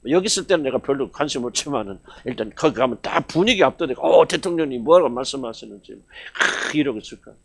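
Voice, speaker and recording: A man, senior pastor of his church, preaching an emphatic sermon with rhetorical questions. He swings between loud exclamations and hushed asides. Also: mid-range voice, lively intonation, fast talker, gravelly, hardly any pauses, slight background noise. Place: church service.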